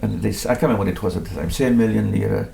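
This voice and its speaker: In a relaxed conversational interview held in his music room, a composer speaks modestly and hesitantly, restarting many times. His lowish voice is gravelly and dark in tone, he talks at a racing pace, and a little hiss or hum can be heard.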